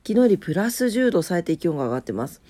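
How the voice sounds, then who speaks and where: A very animated woman speaks fast in a fairly low, dark voice that's nasal, stuffed-up and drowsy. On her daily morning weather and today-in-history show, she blends casual chatter with reading weather and trivia notes, coming across sleepy and rough around the edges.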